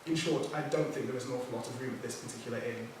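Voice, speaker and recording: Reading from a prepared text at a writers' panel, this mid-range male poet speaks in measured tones and corrects himself slightly now and then. English is his first language; he has Nigerian heritage but grew up outside Nigeria, and the distant recording from a theatre hall is echoey and noisy.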